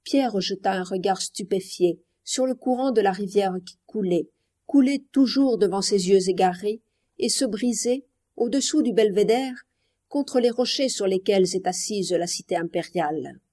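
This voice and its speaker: Female audiobook narrator; mellow, measured, solemn literary reading. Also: mid-range voice. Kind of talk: scripted narration.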